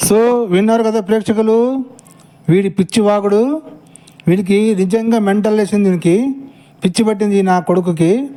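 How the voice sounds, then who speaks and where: A man delivers a furious reaction commentary, heaping scorn and insults on the speaker he is answering. His voice sits high, yet its tone is dark and mellow. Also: moderate pace, pauses often, low-quality recording.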